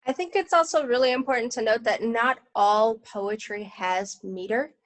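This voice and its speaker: A woman teacher explaining a poem to students in a clear, encouraging classroom manner. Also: a little high, normal speed, dry recording. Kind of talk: classroom lesson.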